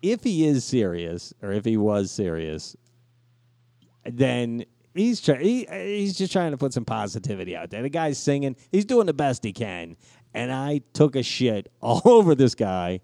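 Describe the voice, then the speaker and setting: A middle-aged man co-hosts a casual podcast, trading banter and telling stories with swearing and words repeated for emphasis. His mid-range voice is very animated yet measured in pace, gravelly and mellow, captured in a dry, clean studio sound.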